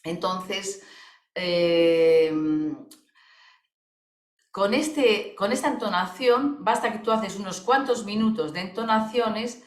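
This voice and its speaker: Woman, chatty webinar talk full of fillers and tag questions, mid-pitched, echoey room over a video call. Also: slow. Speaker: voice therapist. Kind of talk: webinar explanation.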